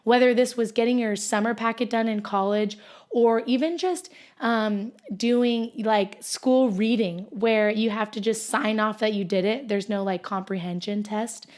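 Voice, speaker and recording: A young woman in her twenties hosts a solo podcast, speaking in a slightly high voice. She tells her story in a loose, chatty way, full of ums and likes. It sounds like someone recording at home for listeners who also watch on video. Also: steady tone, measured pace. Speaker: podcast host.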